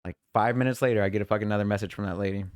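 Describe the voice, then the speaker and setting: A man's voice: lowish voice, fairly even intonation, racing, clear, resonant tone, no echo, clean studio sound. A man co-hosting a podcast, telling long rambling stories about his work week in casual chat and quoting coworkers. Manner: rambling storyteller, mimics coworkers in quotes. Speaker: podcast co-host.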